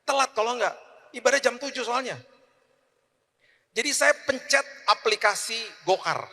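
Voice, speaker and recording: Bright-voiced animated man preaching. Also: very high-pitched, normal speed, gravelly, long reverb tail. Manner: animated, swings between loud emphatic preaching and quiet storytelling. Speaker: pastor. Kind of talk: sermon with personal story.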